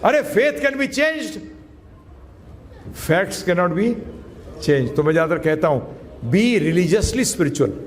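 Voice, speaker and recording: Male spiritual teacher, fairly high voice, emphatic, keeps quizzing his class, long hall echo. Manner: emphatic, quizzes listeners with questions; mixes English phrases into his talk. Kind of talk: Gita lecture to a live class.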